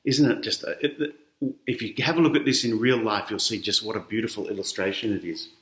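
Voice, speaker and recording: A middle-aged Australian man, his voice on the low side and fairly quick, reads a picture book to children and talks with them as he goes, asking questions and explaining. The indoor recording has a roomy echo.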